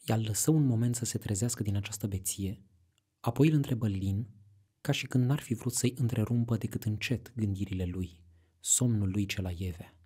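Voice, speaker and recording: A man narrating a literary audiobook in a slow, intimate, hushed reading. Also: on the low side, slightly rough.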